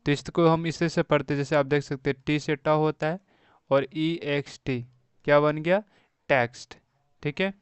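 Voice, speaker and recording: A man with a fairly high, clear and resonant voice and fairly even intonation teaches beginners to read English in a phonics lesson. He goes slowly, spelling words letter by letter and repeating a friendly "thik hai," meaning okay. There is no room sound.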